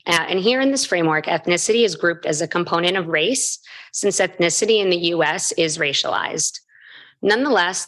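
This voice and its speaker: A woman's voice: low-pitched, a bit bright. A woman researcher presenting a study in a formal, scripted academic style, occasionally stumbling over a word.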